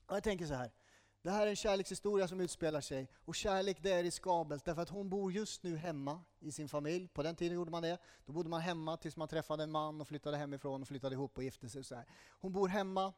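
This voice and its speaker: A man preaching a sermon in a conversational style, with asides and small jokes, dropping to a slow, hushed voice on tender lines. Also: high-pitched. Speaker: pastor.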